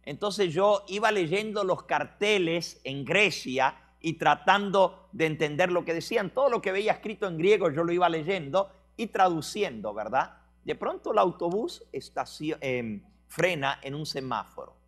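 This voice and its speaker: High-voiced man preaching a sermon. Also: lively intonation, fairly bright tone, soft background music. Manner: teacherly, explains word meanings slowly; storytelling with acted dialogue. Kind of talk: sermon with a personal story.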